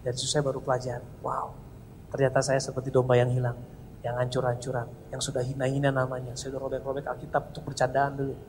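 A man's voice: medium pitch, monotone, fast talker, darkish tone. A man giving an earnest, heartfelt personal testimony to an audience in a large hall. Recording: reverberant hall with faint noise.

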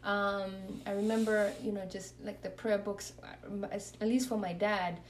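A Kenyan religious sister recounts her faith journey and leads prayer in an interview, sounding earnest and reflective. She has a medium pitch, fairly even intonation and a moderate pace. Her voice is slightly off-mic, with a little hiss or hum.

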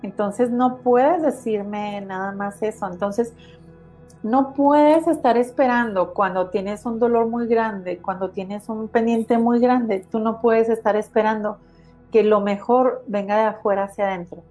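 A woman's voice: a little high, a little slow, dark tone, faint music behind. A woman with a Mexican accent, a guest in an interview, telling her personal story in an earnest, reflective way with many fillers. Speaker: guest, cancer survivor and author.

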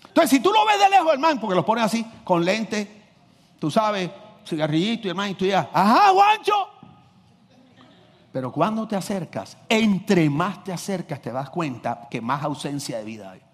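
A man with a fairly high, husky voice preaching a sermon. He swings from loud, driving emphasis to low, confiding asides and acts out little scenes as he goes. The sound carries a long church-hall reverb. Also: sing-song, moderate pace. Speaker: pastor.

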